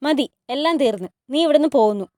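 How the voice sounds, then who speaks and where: A woman's voice: high voice, expressive, fast talker, darkish tone, no echo, studio quality. A woman voicing a stern male palace servant who talks in a curt, threatening way.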